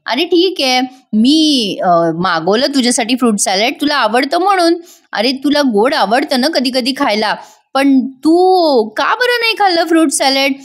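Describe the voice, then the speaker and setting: A woman voicing a caring young wife who pleads and coaxes softly. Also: high-pitched, animated, normal speed, voice pushed up. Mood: coaxing. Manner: pleading, coaxing.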